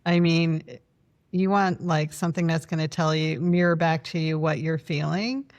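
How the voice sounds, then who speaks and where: A woman coach speaks in a fairly low voice. She is quick and playful in this casual conversation and sometimes finishes her partner's thoughts. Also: fairly even intonation, darkish tone, dull audio. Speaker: guest, coach and co-founder.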